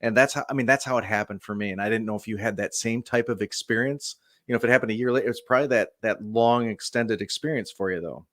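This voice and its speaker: A man's voice: fairly low pitch, quick pace, hardly any pauses, a bit bright, no echo, clean studio sound. A man co-hosting an interview, asking and reflecting in a thoughtful, hesitant way. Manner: thoughtful, hesitant, searching for words. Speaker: podcast co-host.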